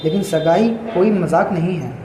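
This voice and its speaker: A man's voice: high voice, moderate pace, lightly acted. A man reading a scheming fake-sweet young woman. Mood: fake concern. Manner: falsely concerned, flustered. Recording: echoey room with faint noise.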